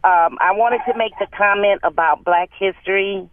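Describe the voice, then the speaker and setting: A woman's voice: medium pitch, normal speed, no echo. Older woman caller over a tinny phone. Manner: impassioned, emphatic. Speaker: radio caller.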